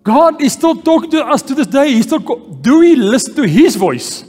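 In a church hall, a male pastor preaches a sermon and reads scripture, calling "Amen?" out to the congregation and repeating key phrases. His voice is very high-pitched and sing-song, a little mellow, at a normal speed. Long church-hall reverb and faint music fill the recording.

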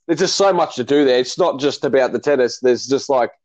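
A Melbourne man with an Australian accent hosts a casual tennis chat, calling the match in a rambling way full of restarts. His medium-pitched voice is a little fast and slightly mellow, the sound of a tennis fan acting as host and commentator.

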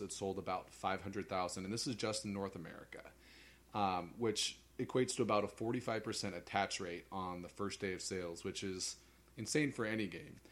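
A man co-hosting a casual gaming chat, telling stories with lots of fillers and laughs. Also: lowish voice. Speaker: podcast co-host.

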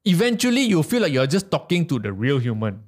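A Malaysian man with a Malaysian English accent, co-hosting a casual podcast and telling a story step by step with animated energy. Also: fairly high pitch, brisk. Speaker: podcast co-host. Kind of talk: casual chat.

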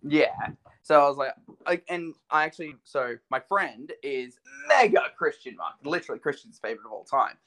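Man, excitable podcast co-host, fairly high voice, animated. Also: normal speed. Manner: excitable, animated, laughs often. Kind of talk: casual wrestling chat.

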